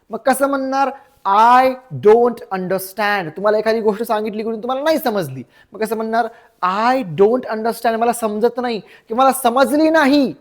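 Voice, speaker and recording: A woman giving an online spoken English lesson, chatting casually and calling her listeners buddy and brother, then slowing right down to say each model sentence. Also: fairly high pitch.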